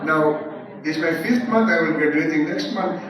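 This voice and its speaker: Older man, fast and halting, slightly high voice, heard from across an echoey room. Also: a crowd in the background. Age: 70s. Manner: fast, halting, many restarts and fillers. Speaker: speaker giving a testimony. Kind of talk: casual spoken talk to an audience. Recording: echoey room, far from the mic.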